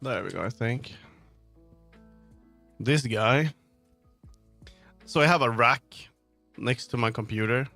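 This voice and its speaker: Slow and forceful, this male livestreamer talks informally about tech gear in a mid-range, creaky, bright voice, pausing often and swearing a lot. Music plays behind him, and he speaks into a streaming mic connected to a sound card.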